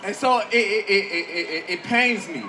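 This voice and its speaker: High-pitched man, impassioned crowd speech. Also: expressive, moderate pace. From Chicago. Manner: rhetorical repetition, often shouting. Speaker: community organizer. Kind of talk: impassioned protest rally speech. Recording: noisy rally with loud crowd.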